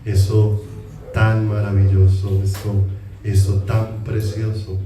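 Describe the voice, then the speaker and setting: A man's voice: lowish voice, monotone, slow, over music. A man with a Colombian accent preaching a sermon in a church hall, talking in a conversational way and asking the congregation many questions. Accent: Colombian Spanish. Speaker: pastor. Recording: echoey hall, distant mic, noisy.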